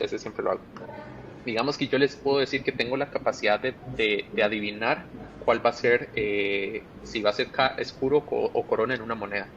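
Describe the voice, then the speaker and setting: A man with a Costa Rican accent, a project manager being interviewed, who explains ideas step by step with plain examples. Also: fairly bright tone. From Costa Rica. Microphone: video call. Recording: muffled call audio with faint rumble.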